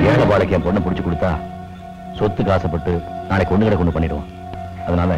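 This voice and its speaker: A man's voice: low voice, lightly acted. An actor playing a stern, wealthy village landlord and father in a film, giving grave orders. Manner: slow, commanding, grave. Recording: dull film soundtrack with loud music.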